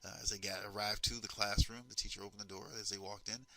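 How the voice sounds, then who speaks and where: Gravelly, forceful St. man. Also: on the low side, quick pace, no room sound, low-quality recording. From west side of St. Louis, USA. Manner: animated storyteller, emphatic, repeats himself. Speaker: school district trainer. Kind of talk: anecdotal training talk.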